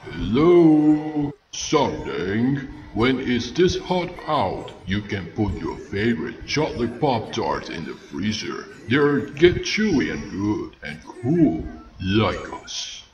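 Big shaggy yeti mascot played by a man for a snack commercial, unhurried and halting, dull noisy recording. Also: on the low side, sing-song. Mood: casual, earnest. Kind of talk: commercial voice-over dub.

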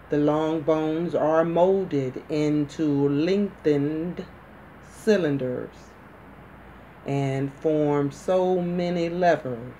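A woman giving measured medical dictation for shorthand practice, deliberately, in short phrases with pauses between them. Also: low voice, warm tone, a little hiss or hum, poor audio. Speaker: dictation instructor.

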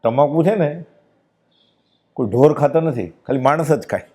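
A man's voice: fairly high pitch, expressive, darkish tone, slightly rough. Man giving a sung Gujarati discourse. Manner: chants verses slowly, then explains in plain speech. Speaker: spiritual discourse speaker. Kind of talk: devotional discourse with sung verses.

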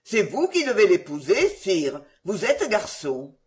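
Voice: mid-range voice, wildly swooping pitch, measured pace. Narrator doing a timid old grand vizir. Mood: reluctant. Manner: reluctant, complaining.

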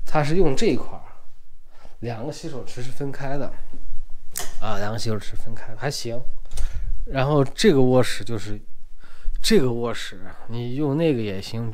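A man's voice: mid-range voice, a little hiss or hum. A man giving a casual walk-through house tour as an agent, his articulation slightly muffled by a dental retainer. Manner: slightly muffled, imprecise speech from wearing dental braces or a retainer. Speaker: real estate agent and video host. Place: inside an empty house, walking from room to room.

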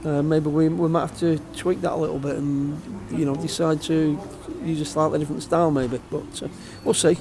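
An older man who manages a football team gives a post-match interview from an empty outdoor stadium stand, halting and repeating himself. His voice is fairly high with little pitch movement.

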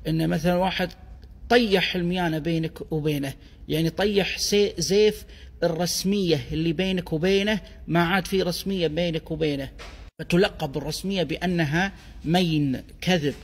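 Man, Kuwaiti Gulf Arabic accent, higher-pitched with a husky edge, explaining deliberately in a long echo. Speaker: explainer of dialect words. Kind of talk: explanatory monologue on word origins.

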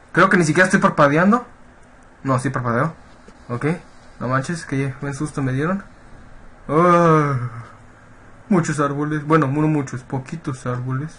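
Jumpy Mexican man, higher-pitched voice. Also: bright, forceful tone. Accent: Mexican Spanish. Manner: jittery, swearing, yelping when startled. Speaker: gaming video creator. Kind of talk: horror game commentary. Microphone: webcam and computer mic.

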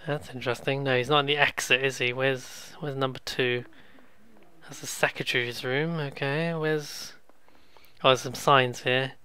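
A man's voice: medium pitch, steady tone, normal speed, pushed and bright, smooth. A man giving casual let's play commentary, musing aloud and joking as he goes. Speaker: gaming video host.

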